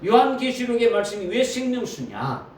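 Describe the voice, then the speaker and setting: A man's voice: very high voice, big pitch swings, normal speed. Male pastor, sermon delivery, quizzes the congregation and repeats key lines; roomy sanctuary sound with faint hiss. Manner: asks the congregation questions and repeats key phrases. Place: church sanctuary. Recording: roomy echo from a distant mic with faint noise.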